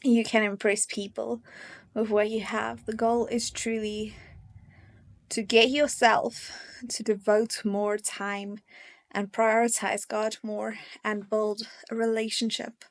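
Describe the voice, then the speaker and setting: A young woman giving a casual, earnest devotional talk to her viewers, encouraging and gentle with soft pauses. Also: a little high, little pitch movement. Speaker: faith vlogger.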